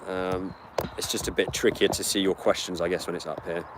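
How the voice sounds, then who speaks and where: A British channel host in his twenties runs a casual live-stream Q&A beside his car, answering viewers' questions. His voice is low-pitched and flat, a little fast. A tripod-mounted camera records him outdoors, picking up street sounds and the car's engine.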